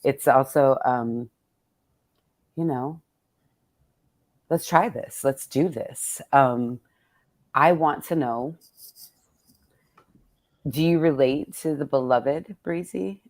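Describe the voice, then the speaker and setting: In an extremely low, slightly mellow voice, a woman poet speaks slowly with long pauses while hosting an event with her readers. Her conversation is casual and reflective, and she thinks aloud in a playful, colloquial way.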